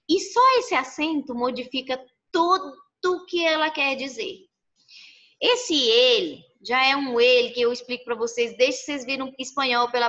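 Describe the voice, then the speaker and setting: Bright-voiced woman teaching a class. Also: high voice. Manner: explanatory, checks in with frequent "tá?". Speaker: Spanish teacher. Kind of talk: recorded online class. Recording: muffled lo-fi audio.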